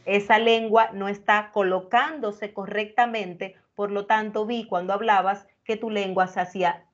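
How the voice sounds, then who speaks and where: A speech coach, a woman with a mid-range voice and a steady tone, gives direct feedback to a participant during a live online workshop. She talks at normal speed, explaining and reassuring as she addresses them. The video-call recording sounds muffled.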